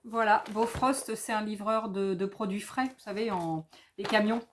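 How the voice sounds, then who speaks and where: A woman's voice: medium pitch, steady tone, normal speed, slight background noise. A middle-aged woman chatting casually through a product haul, hesitant and full of self-corrections. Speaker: haul vlogger.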